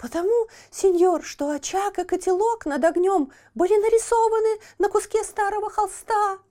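A woman voicing a whiny, pitiful wooden puppet boy who wails his pleas in a high, shrill voice. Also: normal speed, warm tone. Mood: pleading. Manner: wailing, sobbing pleas.

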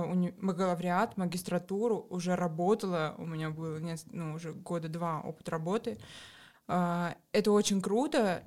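A woman in her twenties from Armenia, a podcast guest talking about herself in a relaxed, candid way. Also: on the low side. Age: 20s. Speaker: interview guest. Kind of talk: casual interview chat.

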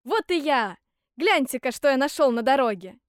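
A woman's voice: a little high, big pitch swings, normal speed, dry recording, studio quality. A woman reading a storybook aloud, voicing a boisterous, cocky young simpleton man who whoops and boasts. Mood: whooping. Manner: loud whooping, brash and gleeful.

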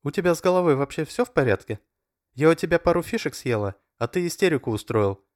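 A male reader voicing a frightened young woman who pleads in a high, strained voice. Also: big pitch swings, normal speed, no room sound, studio quality. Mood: indignant.

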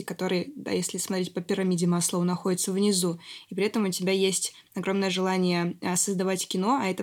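A woman hosting an interview, introducing guests and asking measured, explanatory questions. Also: mid-range voice. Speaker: podcast host.

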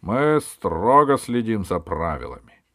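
A man's voice: lowish voice, very animated, a little slow, a bit bright, no echo, studio quality, full character voice. A man voicing a testy, pompous male king who pronounces his rulings. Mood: pronouncing.

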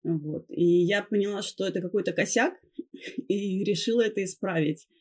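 A woman's voice: medium pitch, moderate pace, a little mellow, breathy edge. A woman in her thirties or older, a podcast guest telling personal stories casually and candidly, with self-mockery and swearing. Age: 30s or older. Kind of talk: casual confessional storytelling.

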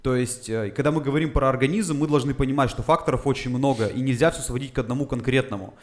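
Talking fast in a medium-pitched voice, a man from Russia's Urals region chats casually on a podcast as a fitness coach. He's a methodical explainer who breaks things down step by step, peppered with "uh" sounds.

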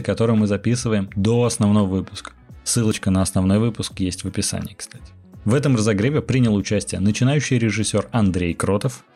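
A fairly low-pitched man hosts a film podcast in a friendly, chatty way. Light music plays faintly underneath his voice. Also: warm tone. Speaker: podcast host. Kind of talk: announcement then casual chat.

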